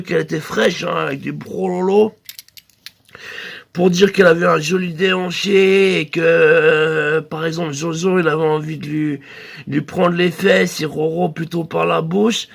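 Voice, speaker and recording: A man telling a rambling comic story in a loose, hesitant way, now and then breaking into shrill bird-call squeals. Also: steady tone, normal speed, gravelly, breathy edge. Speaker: comedian.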